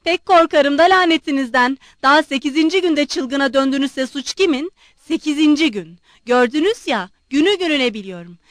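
A woman voicing a bitter, angry young man who speaks sharply and shouts. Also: sits high, expressive, normal speed, no echo, studio quality.

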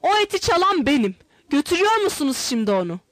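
A desperate, guilt-stricken man confessing and urging his companions to flee , as a woman narrator puts him on. The voice rides high and swings widely, with an urgent, pleading push, recorded close and dry. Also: very animated, quick pace, a bit bright, no echo. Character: desperate guilt-stricken male gold seeker, self-sacrificing.

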